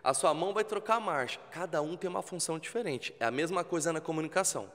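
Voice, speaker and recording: A man with a Brazilian Portuguese accent, a TV presenter guesting on a podcast, explaining in a calm, coaching way. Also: a little high, fast, big-room sound. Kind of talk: casual interview talk. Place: podcast studio with spotlights.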